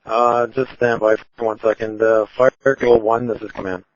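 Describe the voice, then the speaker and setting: A man acting as fire incident commander, giving calm orders over a two-way radio, halting with fillers. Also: lowish voice. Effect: heard over a two-way radio. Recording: muffled lo-fi radio with faint hiss.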